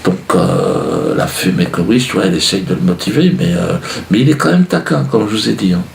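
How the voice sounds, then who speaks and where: A man's voice: sits low, fairly quick, vocal fry, roomy sound, slight background noise. A man doing a rambling, sardonic comedy monologue, full of fillers and asides. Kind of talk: stand-up monologue.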